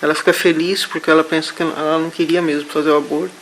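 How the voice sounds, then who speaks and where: A man haltingly recounting a vision during a therapy session, with many restarts. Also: fairly high pitch, level tone, a bit bright, a little hiss or hum, low-quality recording. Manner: halting, hesitant, full of restarts. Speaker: therapy client.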